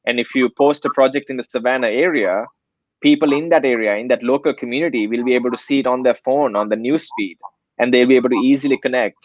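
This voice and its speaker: A young Sri Lankan nonprofit director earnestly explains his project while answering interview questions, using many fillers. His mid-range voice moves fast, and the recording is lo-fi with no echo.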